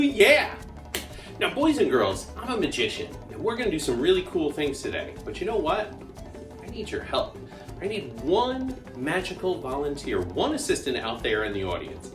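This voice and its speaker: A kids' party magician with a very animated, up-and-down delivery, recorded in a roomy, echoey space with faint music. The host is playful and exclamatory, coaxing children to join in with call-and-response. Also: medium pitch. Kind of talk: interactive kids' party magic show for camera.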